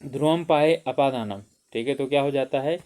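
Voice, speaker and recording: A man's voice: mid-range voice, moderate pace, darkish tone. A man teaching an exam-prep grammar lesson, who keeps asking questions and answering them himself, often saying "theek hai".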